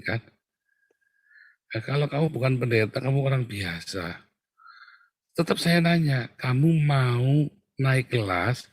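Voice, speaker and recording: A man preaching a sermon, animated and exclamatory, often calling out to his listeners. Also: mid-range voice, breathy edge, no echo. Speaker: preacher who counsels pastors.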